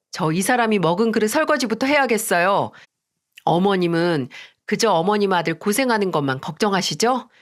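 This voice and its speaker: A woman's voice: medium pitch, lightly acted. A woman voicing a curt, defiant daughter-in-law. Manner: curt, dismissive and defensive. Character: defiant, resentful young wife and daughter-in-law. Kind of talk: Korean radio story drama.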